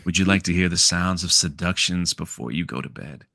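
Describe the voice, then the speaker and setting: A man's voice: creaky, sharp tone, dry recording, studio quality, full character voice. A man doing a crooning late-night radio DJ. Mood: seductive. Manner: slow, low, crooning. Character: smooth late-night male love-song radio DJ. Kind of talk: comic impression.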